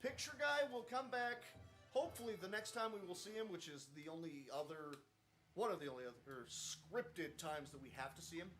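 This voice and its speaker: A man's voice: high-pitched, lively intonation, normal speed, a bit bright, soft background music. A man giving loose, chuckling commentary while playing a game speedrun, rambling and poking fun at himself. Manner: rambling, chuckling, self-deprecating. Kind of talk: casual live game commentary.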